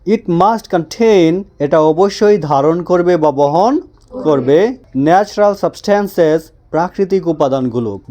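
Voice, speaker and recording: Guy teaching english grammar in class, kinda high voice, talks real slow, asks stuff then answers it himself. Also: darkish tone. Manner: asks questions and answers them himself, repeats phrases slowly; drills students with call-and-response.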